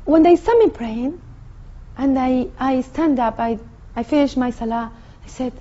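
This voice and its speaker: Mexican-accented woman, high mellow voice, earnest and halting, dull lo-fi sound. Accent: Mexican Spanish. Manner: earnest, halting, with frequent restarts. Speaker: convert sharing her testimony. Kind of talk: personal testimony.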